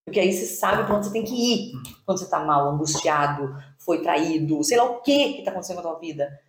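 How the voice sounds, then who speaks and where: A woman with a Brazilian Portuguese accent, a podcast co-host sharing a faith testimony in an animated storytelling way and laughing often. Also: on the low side, fast, echoey room, a little hiss or hum.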